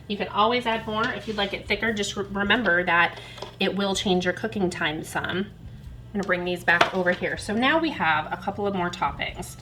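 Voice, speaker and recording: A woman's voice: medium pitch, normal speed, noisy background. A woman hosting a home cooking demonstration in her kitchen, chatty and self-deprecating as she talks through each step while working. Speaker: cooking channel host.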